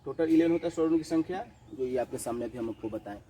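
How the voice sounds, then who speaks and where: A man teaching a children's grammar lesson, repeating each definition slowly, asking questions and answering them himself, and mixing in English words. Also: mid-range voice, warm tone, husky, rough recording. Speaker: school teacher.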